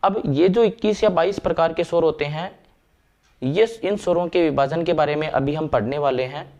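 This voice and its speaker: A man explaining grammar step by step, slowing down to recite verses and sounds. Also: fairly high pitch, darkish tone. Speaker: Sanskrit grammar teacher. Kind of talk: classroom lecture.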